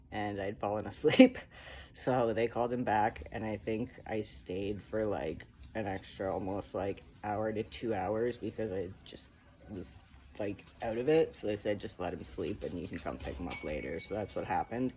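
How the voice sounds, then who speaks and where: A man's voice: on the low side, darkish tone, slight background noise. A young man casually telling a rambling personal update from home, full of ums and likes. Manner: rambling, filler-heavy storytelling. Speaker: vlogger. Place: home, indoors. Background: faint animal noises.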